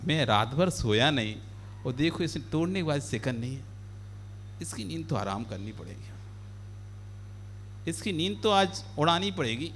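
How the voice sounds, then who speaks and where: A monk delivering a sermon, mixing in lively stories and acting out each character with playful energy. His speaking voice is notably high and bright. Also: moderate pace, long pauses, slight background noise. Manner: animated, playful, acts out the characters. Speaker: Jain monk preaching. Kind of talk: sermon with storytelling.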